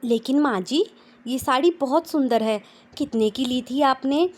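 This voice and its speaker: A woman's voice: sits high, a little slow, a little mellow, pitched above the performer's own voice. A woman voicing a bubbly, cheeky young woman who talks in a chirpy, playful, exclaiming way. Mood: eager.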